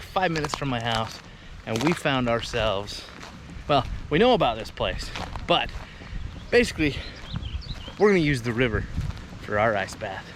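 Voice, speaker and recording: A man talking casually to camera as a vlog host, in an informal, halting, rambling way. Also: medium pitch. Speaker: vlogger and host. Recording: noisy outdoor ambience, vehicle and river noise.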